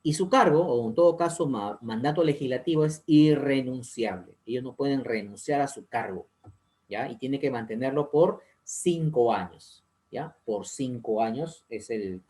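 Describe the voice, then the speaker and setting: Male civics teacher, Peruvian accent, mid-pitched voice, explains patiently with rhetorical questions and repetition. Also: normal speed, a little mellow. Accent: Peruvian Spanish. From Peru. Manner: explanatory, asks rhetorical questions, repeats key points. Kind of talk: online civics lesson.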